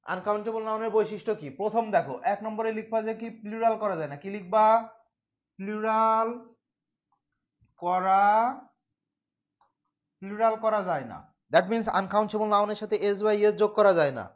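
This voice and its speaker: A man's voice: high-pitched, brisk. A man teaching English grammar in a casual lecture, repeating questions and drilling answers. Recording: dull lo-fi sound.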